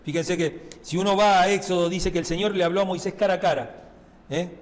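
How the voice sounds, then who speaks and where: High-voiced Rioplatense pastor in reverberant church. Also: male voice, steady tone, a little fast. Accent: Rioplatense Spanish. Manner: conversational preaching with frequent tag questions. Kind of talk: sermon. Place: church sanctuary.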